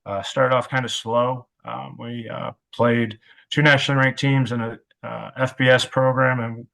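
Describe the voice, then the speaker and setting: A man in his thirties, a football coach and podcast guest, speaking reflectively and haltingly with many filler sounds. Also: mid-range voice, flat delivery, vocal fry, a bit bright. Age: 30s. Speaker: wide receivers coach. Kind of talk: podcast interview.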